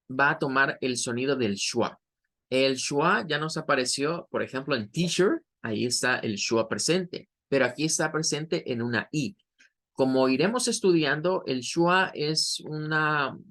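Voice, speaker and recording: A man teaching English pronunciation in a patient, explanatory way, slowly modeling each word. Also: mid-range voice, sharp tone. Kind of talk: online pronunciation lesson.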